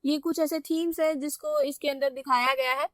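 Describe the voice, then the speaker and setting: A woman's voice: high voice, steady tone, moderate pace, dry recording. A young woman teacher explaining poetry step by step for an exam, often checking that students follow. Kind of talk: exam-focused poetry lesson in mixed Hindi and English.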